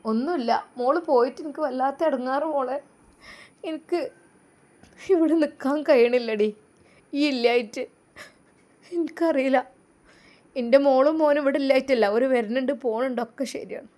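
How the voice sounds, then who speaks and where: A woman's voice: sits high, normal speed, pauses often, a little mellow, close to an everyday voice. A woman doing a tearful loving mother-in-law. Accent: Malappuram Malayalam. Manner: tender, pleading, doting. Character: heartbroken older mother-in-law, affectionate and tearful.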